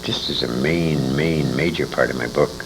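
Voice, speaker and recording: In a noisy amateur interview recording, an older man who's an old-time radio veteran reminisces casually, rambling and emphatic with a salty, bawdy way of telling stories. His very deep voice holds a steady tone at normal speed.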